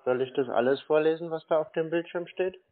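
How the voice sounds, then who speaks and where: On a phone call, a scambaiter poses as a naive, confused, literal-minded customer, drawing out a slow, bumbling conversation. His voice is fairly high-pitched and a little fast, with phone-quality sound.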